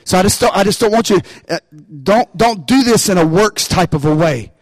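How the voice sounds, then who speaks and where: A man's voice: sits high, moderate pace, dry recording, low-quality recording. A man preaching a sermon, calling out to the congregation for responses and rising into bursts of emphasis. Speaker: pastor.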